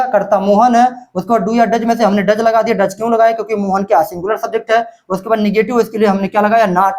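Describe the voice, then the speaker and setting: A male teacher giving a classroom-style grammar lesson. He talks in a steady back-and-forth with himself, throwing out a question and then answering it, and repeats the key words. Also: high voice.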